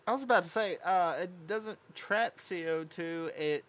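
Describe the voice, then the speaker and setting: A man's voice: high-pitched, unhurried, fairly bright tone. A man co-hosting a podcast in casual, conversational banter. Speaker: podcast co-host. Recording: noticeable background noise.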